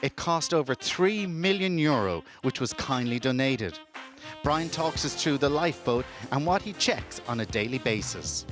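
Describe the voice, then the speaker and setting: A man's voice: mid-range voice, expressive, normal speed. A man reading scripted narration as a television reporter. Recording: voice-over with clear music bed.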